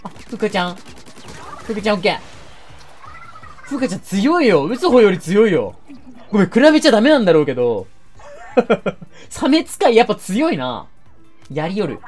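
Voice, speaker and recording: A woman gaming YouTuber giving excitable game commentary, shouting reactions and talking to viewers. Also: medium pitch, moderate pace, long pauses, faint music behind.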